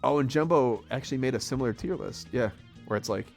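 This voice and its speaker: A man's voice: mid-range voice, fast talker, gravelly, darkish tone, faint music behind. A man casually commentating a live fighting-game tournament, rambling and chuckling often.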